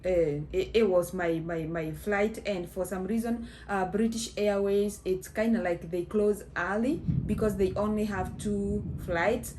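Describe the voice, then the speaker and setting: A Kenyan vlogger in her thirties tells a story to the camera from a small indoor room at home, speaking slowly and chattily with a Kenyan accent, many fillers and some Swahili phrases mixed in. Her mid-range voice has a darkish tone. The audio is poor, with a little hiss or hum.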